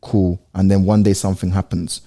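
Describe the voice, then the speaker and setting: A man's voice: sits low, flat delivery, fairly quick, dark tone. A young man, chatting casually as a podcast co-host and telling a story in a rambling way. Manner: rambling, storytelling with quoted voices. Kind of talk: casual chat.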